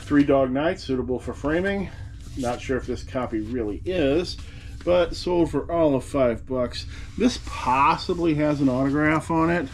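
A slightly high-voiced man in his forties, a reseller vlogger, talks unhurriedly to the camera on his desk in a cluttered room, with slight noise in the background. His manner is wry and chatty, drifting into rambling asides.

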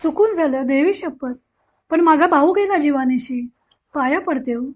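A woman's voice: high-pitched, measured pace. A woman voicing a frightened young daughter-in-law who pleads meekly, in a dull lo-fi recording. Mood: pleading. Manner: pleading, meek.

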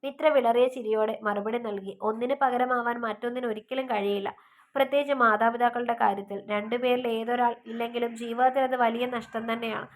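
A woman narrating a love story in a steady, even reading manner. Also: fairly high pitch, a little fast.

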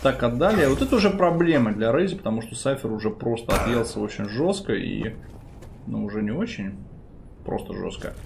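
A man's voice: mid-range voice, expressive, brisk. A man giving live esports commentary in an informal way, full of gamer slang. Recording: clear background game noise.

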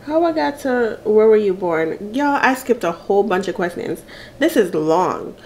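This mukbang vlogger is a Jamaican woman in her 30s whose medium-pitched voice has a sing-song lilt and a slightly slow pace, with a little hiss or hum in the audio. She eats while answering get-to-know-me questions, chatting playfully and laughing often.

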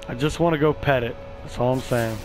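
A man giving casual let's-play commentary, excitable and swearing, chatting to the creatures on screen. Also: medium pitch, brisk, soft background music, poor audio. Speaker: gameplay streamer.

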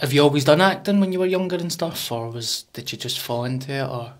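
A man's voice: a little high, lively intonation, quick pace. A man with a broad Glaswegian Scots accent, hosting in matey, slangy casual chat close on a studio mic. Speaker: podcast host. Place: small podcast studio. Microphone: close studio condenser on arm.

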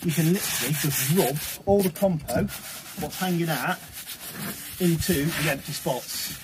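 Young bricklayer chatting over loud site noise. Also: male voice, a little high, measured pace. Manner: relaxed, explains while working, slangy. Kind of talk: casual on-the-job vlog. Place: outdoor building site in a housing estate. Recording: loud work noise outdoors.

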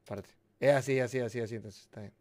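A young man with an Argentine accent playing a puzzle game on stream, excitable, muttering to himself and then bursting out loudly. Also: mid-range voice, fast, slight background noise. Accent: Argentine Spanish. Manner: excitable, swinging between muttering to himself and loud outbursts. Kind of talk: casual gameplay chat.

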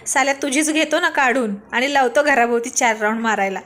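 A woman's voice: high-pitched, brisk, fairly bright tone. A woman voicing a cheeky young man full of silly ideas in a storybook reading.

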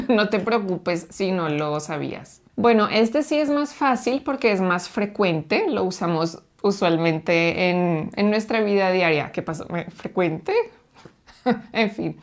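A woman teaching Spanish, running a patient drill and sounding out each syllable clearly. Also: mid-range voice, slow pace. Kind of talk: slow, clear language drill.

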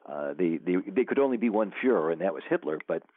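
This author, interviewed by phone, speaks in a deep voice with lively intonation and a fast pace. His casual, rambling answers are peppered with fillers and false starts, and the line sounds tinny.

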